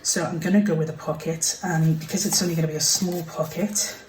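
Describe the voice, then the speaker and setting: A woman's voice: deep voice, steady tone, a little fast, a little mellow, slight background noise. A woman talking through a casual crafting tutorial at her home desk, chatty and apologetic, sometimes dropping to a half-whisper. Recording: roomy, mic set far off, kitchen clatter behind.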